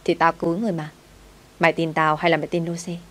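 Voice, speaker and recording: A woman's voice: deep voice, level tone, quick pace, fairly bright tone. A woman voicing a brusque young man, the master of a rich house, curt and teasing with his servant.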